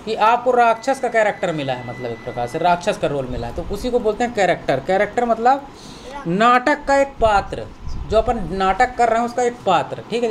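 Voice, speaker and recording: A man's voice: high voice, slight background noise. Patient man teaching vocabulary. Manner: patient, repeats words and checks understanding; spells words out letter by letter. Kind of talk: vocabulary lesson for children.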